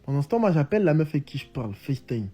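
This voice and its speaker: A man's voice: a little high, sing-song, very fast, warm tone, husky. A young man casually retelling a personal story in street slang, full of fillers.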